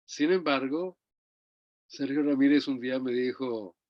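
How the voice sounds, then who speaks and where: A man's voice: medium pitch, unhurried, no room sound. An older man from Chile, a guest reminiscing about his parents in a rambling storytelling way, often ending phrases with a tag question. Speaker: interview guest. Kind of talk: reminiscing conversation. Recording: dull, dry close recording.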